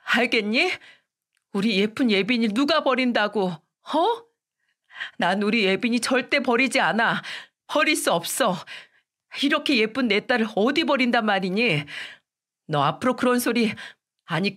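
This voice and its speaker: A stern mother scolding her children, as a woman storyteller acts her out. Her delivery is firm and forceful, with a lively pitch that swings widely. It comes from a storybook radio telling. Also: unhurried. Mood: fierce.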